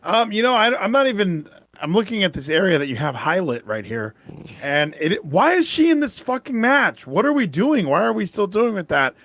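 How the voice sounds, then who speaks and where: A male co-host vents in an exasperated, swearing rant. His voice sits fairly high. The sound is dry and close to the mic. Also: very animated, normal speed, fairly bright tone, no room sound. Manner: exasperated, profane ranting. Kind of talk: casual live-stream commentary.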